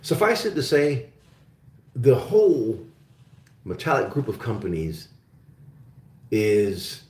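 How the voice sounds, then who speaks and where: Speaking slowly but very animatedly in a darkish mid-range voice, the host of a live call-in show on metals and resource stocks rambles casually, restarting often and leaning on fillers. He was born in Germany and raised in Oklahoma, and the recording has a roomy echo.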